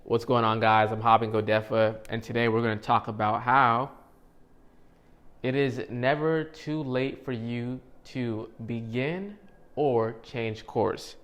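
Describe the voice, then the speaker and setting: A man's voice: medium pitch, fairly even intonation, slow pace, a bit bright, dull audio. A man of thirty-one giving a casual, rambling motivational talk to camera as a vlogger, with many fillers and restarts. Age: 30s.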